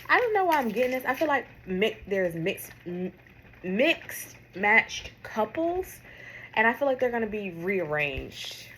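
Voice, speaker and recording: A woman's voice: mid-range voice, sing-song, measured pace, fairly bright tone, slight background noise, rough recording. A woman giving an unscripted, casual mystical tarot reading, musing aloud and following her intuition as she goes. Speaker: tarot reader.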